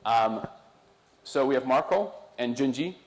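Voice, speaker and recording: A man's voice: mid-range voice, animated, unhurried. A man leading a church service in an easy, conversational way, teasing the people in front of him. His voice sits in a middle register. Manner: conversational, joking with the congregation. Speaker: pastor. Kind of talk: sermon and introductions.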